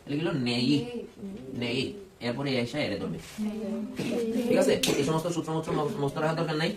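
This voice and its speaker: A man's voice: on the high side, big pitch swings, very fast, over a noisy crowd. A man teaching English pronunciation to a class of children, strict and drilling words over and over. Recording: roomy classroom from far off. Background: children chattering.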